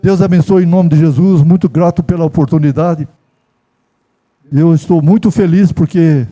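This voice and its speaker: A man's voice: on the high side, warm tone. An older man preaching a folksy sermon in a church with a Brazilian accent, telling stories and repeating himself. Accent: Brazilian Portuguese.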